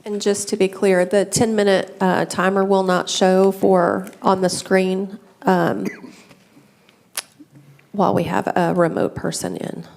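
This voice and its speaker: A woman's voice: medium pitch, flat delivery, a little slow, vocal fry, darkish tone. A woman on the meeting staff briefly explaining procedure. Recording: faint background noise.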